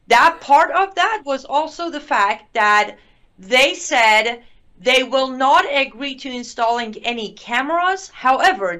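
A woman's voice: fairly high pitch, fairly bright tone. Indignant woman, English her second language. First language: not English. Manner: indignant, emphatic, sarcastic asides. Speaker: guest. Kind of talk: political commentary interview.

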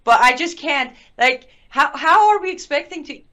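A woman whose first language is not English talks as an interview guest, her voice sitting a little high. She drives her points home with emphatic indignation and drops in sarcastic asides. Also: expressive, moderate pace, pushed and bright. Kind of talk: political commentary interview.

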